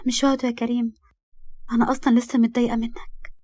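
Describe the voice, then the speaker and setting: Brief: hurt young wife, voiced by a woman storyteller, Egyptian accent, timid and pleading, quick. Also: a little high, little pitch movement, a little mellow, no room sound, studio quality, natural voice. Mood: gentle. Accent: Egyptian Arabic.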